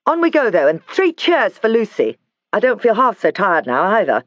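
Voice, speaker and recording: A man voicing a tired but cheerful boy king, brisk and rallying. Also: high voice, huge pitch swings, fairly bright tone, no echo, dull audio, pitched above the performer's own voice, heavily acted.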